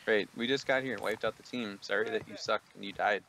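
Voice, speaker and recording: A man with a low, gravelly voice steers his squad, laying out plans and counting off moves. Team chat noise sits behind him. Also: fairly even intonation, fast. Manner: takes the lead, gives plans and counts. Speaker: teammate in a game party. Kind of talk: casual game chat. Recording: noisy voice chat line.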